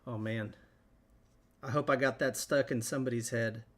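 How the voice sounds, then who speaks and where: A man hosting a live painting stream, talking through each step in a relaxed way as he works. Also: mid-range voice, moderate pace. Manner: relaxed, thinking aloud while working. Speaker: host.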